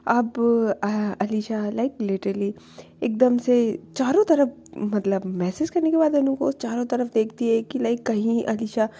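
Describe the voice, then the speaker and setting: A woman's voice: fairly high pitch, takes it slowly, mellow, slightly rough. A young woman telling a love story casually, chatty with many fillers.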